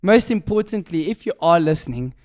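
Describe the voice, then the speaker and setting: A man with a South African accent and a croaky, rough voice, hosting a casual chat show. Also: a little high, expressive, fairly quick, darkish tone. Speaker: radio show host.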